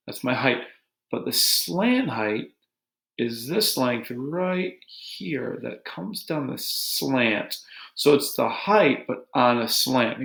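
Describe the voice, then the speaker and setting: Gravelly-voiced man teaching math. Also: medium pitch. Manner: relaxed, joking, talks while drawing on a board. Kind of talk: recorded math lesson. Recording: echoey room.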